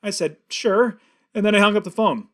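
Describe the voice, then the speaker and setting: A man's voice: high-pitched, moderate pace, a bit bright. A middle-aged man hosting his show, telling a personal story in an earnest, vivid and emphatic way. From California. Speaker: host.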